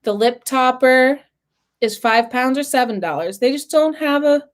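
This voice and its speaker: A beauty vlogger talks casually through a makeup review in a high voice at a moderate pace. Her voice is husky and slightly hoarse, as though it's going, and she keeps clearing her throat between fillers.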